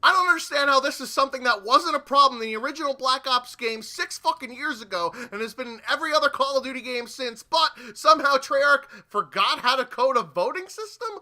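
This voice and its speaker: A man's voice: very high-pitched, lively intonation, a little fast, few pauses, pushed and bright. A man delivering scripted video game commentary as a parody news anchor, with a sarcastic, mocking, sweary rant. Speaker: host of a parody gaming news show.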